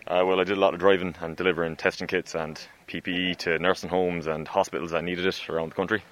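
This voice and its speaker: A man's voice: sits low, little pitch movement, quick pace, a bit bright. An Irish man in his twenties from Galway, a soldier answering casually in an interview. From Galway, Ireland. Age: 20s.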